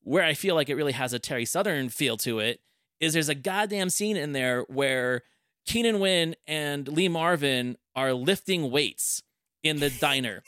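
A man hosting a podcast, chatting casually with enthusiastic, animated storytelling. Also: a little high, moderate pace, no echo, clean studio sound. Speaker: podcast host. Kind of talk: casual chat.

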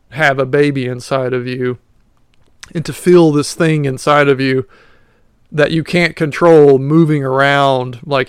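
A man's voice: medium pitch, clean tone, no room sound, clean studio sound. A man in his late thirties hosting a casual solo podcast, rambling and self-mocking with lots of fillers. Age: 30s. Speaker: podcast host.

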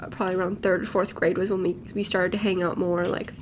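A woman's voice: lowish voice, flat delivery, quick pace, noisy background. A nineteen-year-old woman from California, co-hosting a podcast in a casual, rambling chat full of "like" and "um". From Los Angeles, California. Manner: rambling, filler-heavy, lots of "like" and "um". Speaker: podcast co-host. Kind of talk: casual chat among friends. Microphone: home podcast mic, lo-fi.

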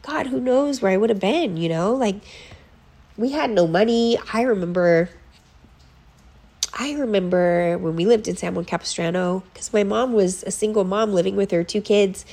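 A woman's voice: medium pitch, darkish tone. Podcast host, woman, 30s; raw confessional monologue, swears freely, restarts, near tears. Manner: emotional, profane, halting with restarts. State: close to tears. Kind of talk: personal storytelling monologue.

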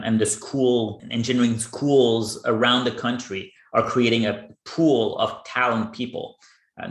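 A man's voice: on the low side, vocal fry. Man hosting a podcast, echoey room. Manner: earnest, explaining in plain terms. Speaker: podcast host. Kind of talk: podcast interview.

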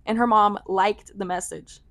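A woman's voice: mid-range voice, steady tone, unhurried, dry recording. Young adult American woman, vlogger, chatty storyteller, mid-range voice, dry close recording. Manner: chatty, filler-heavy with frequent "like", laughing asides. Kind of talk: casual storytelling.

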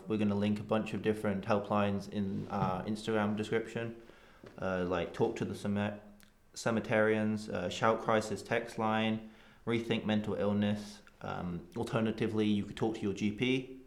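A teenage boy co-hosting a school podcast, earnest and careful when giving a trigger warning. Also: on the low side. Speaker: podcast co-host. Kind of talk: casual chat. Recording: echoey room.

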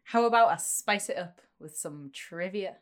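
A woman's voice: lowish voice, normal speed. A woman co-hosting a casual podcast, chatting and sharing trivia in a jokey, playful way. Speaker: podcast co-host. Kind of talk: casual chat and trivia about a TV series.

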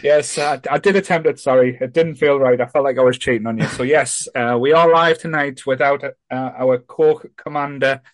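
A man's voice: mid-range voice, steady tone, normal speed, hardly any pauses, no room sound. A man hosting a podcast in casual chat, rambling and self-deprecating. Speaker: podcast host.

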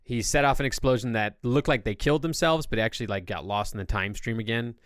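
A male podcast host chats casually, explaining things at length with plenty of enthusiasm. He talks fast in a clear, resonant mid-range voice, and the recording is dry with clean studio sound.

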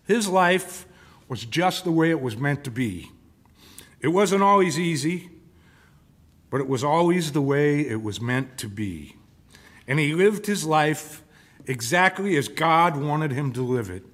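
Guy preaching sunday sermon, chatty, keeps asking the folks questions, voice on the high side. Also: expressive, a little slow, fairly bright tone. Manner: conversational, asks the congregation questions.

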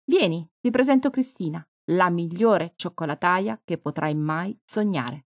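A woman reading the lines of a lively, warm-hearted woman who runs a bed and breakfast, in an audiobook. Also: lowish voice, a little slow, dry recording, studio quality. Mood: cheerful.

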